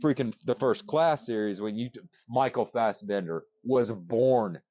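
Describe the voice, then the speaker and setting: A man co-hosting a casual podcast, rambling excitedly with many restarts and casual swearing. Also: medium pitch, measured pace, dry recording, highs cut off. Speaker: podcast co-host. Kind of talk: casual chat.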